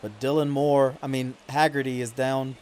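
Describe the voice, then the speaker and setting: A man narrates his video game playthrough like a casual sportscaster, keeping an easy pace as he follows each play. He breaks into loud, indignant complaints over the calls he disagrees with. His voice sits in a middling range, with some faint background noise behind it. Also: mid-range voice, flat delivery, moderate pace. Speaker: gaming YouTuber.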